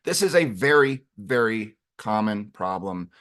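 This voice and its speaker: A man presenting a clinical webinar lecture in an animated, playful way, acting out voices. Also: fairly low pitch, unhurried.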